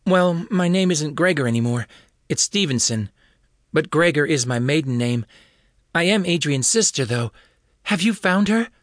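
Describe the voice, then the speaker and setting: An anxious, frantic woman, put on by a man reading an audiobook, comes through high and raised above the narrator's normal tone. Her questions rush out with worry. The room around the voice is dry and close. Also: animated, normal speed, few pauses, no echo, close to an everyday voice.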